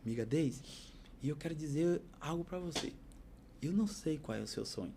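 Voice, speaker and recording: A man's voice: on the high side, lively intonation, a little fast, creaky, noisy background. A man, a podcast guest telling his life story as a heartfelt, preacherly testimony. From Bahia, Brazil.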